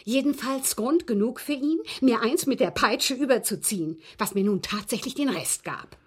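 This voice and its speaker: Bitter and precise, the actress in this German radio drama portrays a cultivated, abused woman confessing to the police that she poisoned someone. Her husky, breathy voice, on the high side and expressive, phrases things deliberately and with emphasis.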